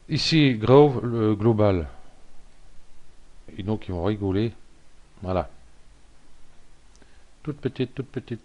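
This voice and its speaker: A man giving a casual software tutorial, thinking aloud with lots of fillers and little self-deprecating asides. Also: lowish voice, lo-fi sound. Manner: rambling, thinks aloud with many fillers and "hop". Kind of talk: casual screen-recorded tutorial.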